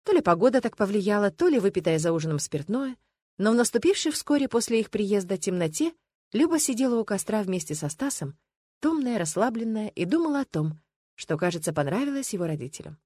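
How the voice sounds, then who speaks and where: A woman narrating a novel in a measured, steady voice at a middle pitch. The recording is dry and close, with no room sound. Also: no room sound. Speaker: audiobook narrator. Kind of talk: scripted narration.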